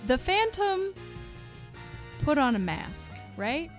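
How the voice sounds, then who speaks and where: A woman's voice: high-pitched, big pitch swings, slow. A woman chatting casually as she plays a video game as a let's player. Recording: game music behind the voice.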